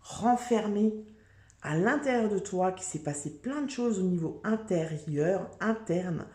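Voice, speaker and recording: A woman's voice: mid-range voice, expressive, measured pace, darkish tone, reverberant. A woman giving a casual, chatty tarot reading, full of fillers, restarts and "tu vois". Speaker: tarot reader.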